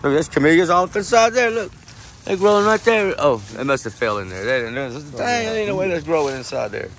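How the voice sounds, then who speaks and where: A landscaper and vlogger explains a yard job step by step outdoors, coaching in a casual, instructive chat. His voice is fairly high, a bit bright and very animated, moving fairly quickly, with a little hiss or hum on the recording.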